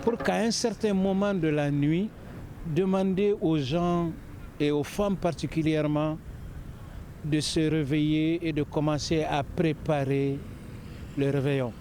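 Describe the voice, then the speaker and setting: A man's voice: fairly high pitch, fairly even intonation, measured pace, a little mellow, slight background noise. A man explaining in an interview, emphatic, often repeating his phrasing. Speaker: interviewee explaining local religious custom.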